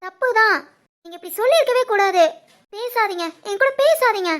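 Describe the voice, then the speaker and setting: A sulky young cartoon wife, very high-pitched, emotional, southern Tamil Nadu village speech. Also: expressive, normal speed, a bit bright. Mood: hurt. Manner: pleading, then stubbornly refusing. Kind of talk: animated family drama dialogue.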